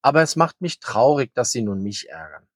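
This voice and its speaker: A shy, sensitive little hare talks timidly in a children's story, as a man reads him. The voice is husky, dry and close, with a lively lilt. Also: mid-range voice, fairly quick, no room sound. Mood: sad. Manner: timid and questioning. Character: small shy young male hare, sensitive.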